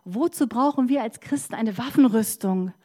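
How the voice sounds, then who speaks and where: A woman's voice: fairly high pitch, normal speed, mellow. A woman pastor preaching a sermon in church, passionate and emphatic, telling a personal story.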